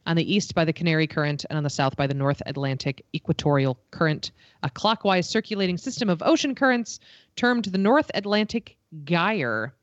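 A woman's voice: on the low side, expressive, brisk, dry recording, lo-fi sound. A woman with an upstate New York accent from Buffalo, hosting trivia and reading out answers amid casual banter. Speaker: trivia quiz host.

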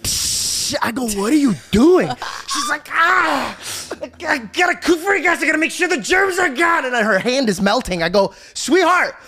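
A young man hosting a podcast in casual chat, animated and swearing as he tells stories. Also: extremely high pitch, normal speed, hardly any pauses, no echo. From Syrian heritage. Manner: animated, swearing, laughing storyteller. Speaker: podcast host.

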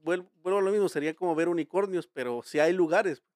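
A man's voice: sits high, fast talker, darkish tone, dry recording, studio quality. A Mexican man hosting a casual podcast chat, telling rambling, slang-filled stories with many restarts. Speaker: podcast host.

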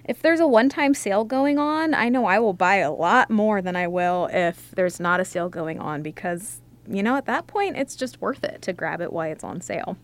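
A chatty woman editor on a podcast, sharing tips with warm enthusiasm. Her pitch swings widely as she talks. She laughs easily between points. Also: animated, normal speed, few pauses. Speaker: magazine editor, podcast guest. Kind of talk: casual podcast chat.

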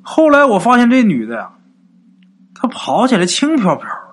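A man's voice: very high-pitched, wildly swooping pitch, normal speed, slightly rough, pitched above the performer's own voice, heavily acted. A man voicing a boastful middle-aged village man who talks in a coarse, folksy way. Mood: boastful, spooked. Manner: coarse, swaggering folksy talk.

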